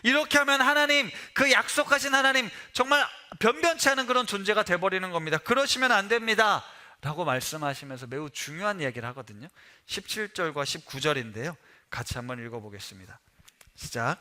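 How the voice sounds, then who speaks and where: A man preaches a sermon in a high, ringing voice with a very bright, forceful edge. He talks with his congregation more than at them and keeps asking them questions. His tone is that of a pastor leading a sermon. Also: lively intonation, a little fast.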